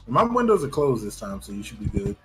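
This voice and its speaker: A man co-hosting a casual gaming podcast, trading animated slangy jokes with plenty of swearing. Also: medium pitch, fast talker, soft background music. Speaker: podcast co-host.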